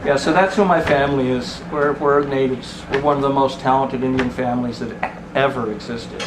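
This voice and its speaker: A man's voice: mid-range voice, steady tone, fairly quick. A chatty man talks up his family with a boastful, casual manner. The room around him is echoey, and the recording carries heavy background noise. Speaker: participant at a storytelling circle. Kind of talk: casual self-introduction.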